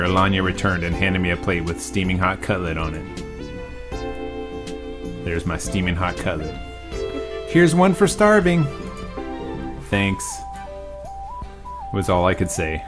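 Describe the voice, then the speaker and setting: A deep-voiced let's play host reads a visual novel aloud, casual and profane, occasionally erupting into shouts.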